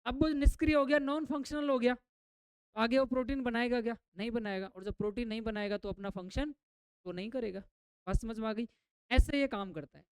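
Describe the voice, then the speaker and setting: Smooth-voiced woman teacher quizzing her class. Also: on the high side, fairly quick, no room sound. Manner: quizzes the class, then repeats the answer; mixes English terms into explanations. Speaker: biology teacher. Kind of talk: classroom lecture.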